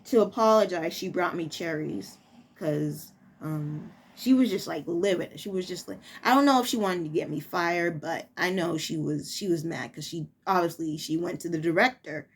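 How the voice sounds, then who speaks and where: Woman teacher telling a story, slow and halting, keeps searching for words. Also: on the low side. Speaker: preschool teacher. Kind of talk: casual personal storytelling.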